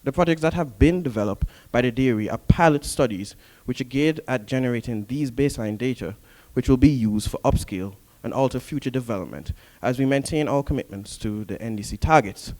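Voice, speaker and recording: A man delivering a talk at a conference, working through his points in an explanatory way. His pitch sits in an ordinary middle range. Parts of the talk are read from prepared notes. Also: brisk, hardly any pauses, a little mellow. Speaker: conference presenter. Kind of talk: conference presentation. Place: conference hall.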